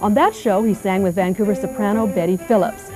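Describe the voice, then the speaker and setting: A woman's voice: medium pitch, steady tone, fairly quick, rough recording. Woman TV host reading intros over music. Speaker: TV show co-host, interviewer. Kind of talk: scripted TV intro and interview questions.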